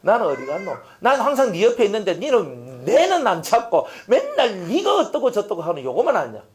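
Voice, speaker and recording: A preacher doing God as a grieved, scolding father. He speaks with a lilt, reproachful and pleading at once. The voice stays fairly high and swings widely in pitch. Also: huge pitch swings, brisk, darkish tone. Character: God as a chiding, wounded father.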